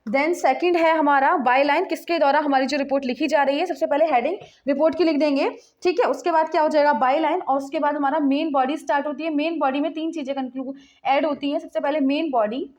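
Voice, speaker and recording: A woman's voice: high-pitched, steady tone, quick pace, a little mellow. A young woman teacher giving a casual online lesson, mixing Hindi and English, repeating points and checking in with students often. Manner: repetitive, checks in with "theek hai" constantly; mixes Hindi and English mid-sentence.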